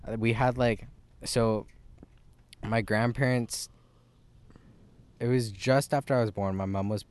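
A man co-hosting a casual podcast chat, telling a story in a halting, rambling way full of restarts, speaking into a podcast microphone. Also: medium pitch, steady tone, clean tone. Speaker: podcast co-host.

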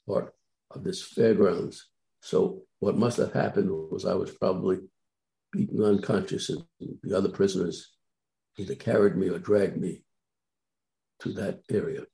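Older man with a gravelly low voice. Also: mellow, poor audio. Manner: halting, with many restarts and repeated words. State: tearful at times. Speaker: guest recounting civil rights work. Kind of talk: personal recollection.

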